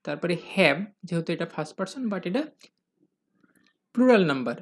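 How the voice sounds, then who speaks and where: In this recorded lesson, a patient English grammar teacher poses questions and then answers them, speaking to viewers as learners. Example sentences are read slowly, in a medium-pitched, expressive voice.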